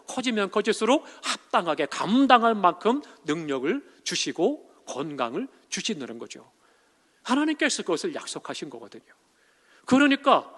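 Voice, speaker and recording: A middle-aged male pastor delivering an emotional sermon, swinging between loud, emphatic declarations and soft, hushed passages. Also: high voice. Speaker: senior pastor. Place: church sanctuary. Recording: church hall with long reverb.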